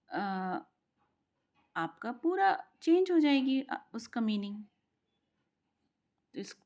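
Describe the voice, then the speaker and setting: Woman, fairly high voice, patient teacher, slow drawn-out demonstration sounds. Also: a little mellow. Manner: patient, explains step by step with repetitions; stretches out demonstration sounds slowly. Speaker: Quran recitation teacher. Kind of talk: spoken lesson.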